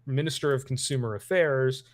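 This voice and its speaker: A male streamer with a mid-range voice chats casually about politics at a moderate pace, rambling with plenty of fillers and restarts. English is not his first language. The recording has no echo.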